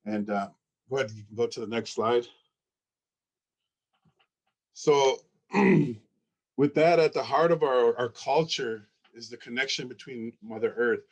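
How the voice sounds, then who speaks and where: A man's voice: medium pitch, measured pace, long pauses, highs cut off. Earnest man presenting with slides. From Ojibwe, from Minnesota. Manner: earnest, excited, repeats words while searching. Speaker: school founder presenting.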